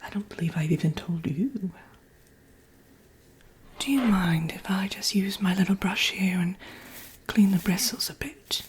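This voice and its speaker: A woman voicing a prim, fussy witch villainess in a breathy, hesitant ASMR whisper, chatting and gently scolding up close. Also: mid-range voice, unhurried, close to an everyday voice. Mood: fussy, confiding. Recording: audible background noise.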